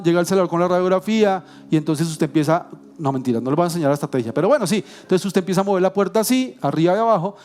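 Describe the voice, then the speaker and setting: A middle-aged man, a guest pastor preaching with animated, joking personal stories. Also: sits high. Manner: animated, humorous storytelling with self-corrections and jokes. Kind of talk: sermon with personal storytelling. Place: church.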